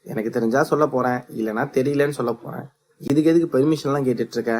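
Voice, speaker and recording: A brooding young man from a storybook, blunt and brusque, as a man narrator voices him. His voice is dark and husky. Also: mid-range voice, steady tone, quick pace, close to an everyday voice.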